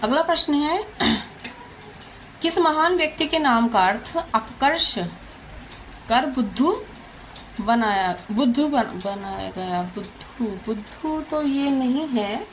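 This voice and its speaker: Woman tutor, fairly high voice, slow and careful, faint noise behind. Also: expressive, poor audio. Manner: slow, deliberate, repeats answers with frequent hesitations. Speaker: teacher. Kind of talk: exam question walkthrough lesson.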